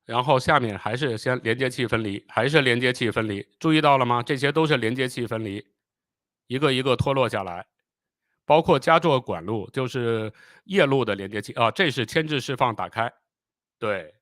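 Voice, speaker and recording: A man hosting a live stream, explaining rocket launches and pausing often with fillers. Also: mid-range voice, a bit bright, no room sound, studio quality. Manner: explanatory, with frequent filler pauses; apologetic and hurried while fixing playback. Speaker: channel host.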